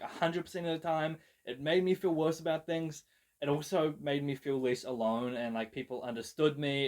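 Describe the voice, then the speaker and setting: A young New Zealand video creator with a medium-pitched voice gives a casual genre breakdown. He rambles, mocks himself, swears and fills his speech with lots of "like."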